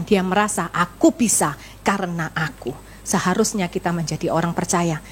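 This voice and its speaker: Husky-voiced woman pastor preaching. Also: mid-range voice. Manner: lively storytelling with rhetorical questions to the congregation. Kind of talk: sermon. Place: church service.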